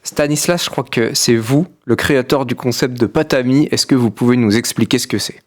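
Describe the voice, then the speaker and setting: A man's voice: medium pitch, brisk. A man hosting a radio interview, asking friendly, conversational questions. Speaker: radio host.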